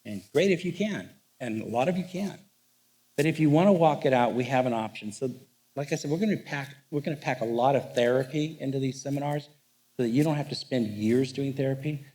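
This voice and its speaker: A middle-aged man, a marriage counselor, gives a live seminar talk on stage, telling stories in a joking, animated way. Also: medium pitch, a little fast. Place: on stage before a live audience.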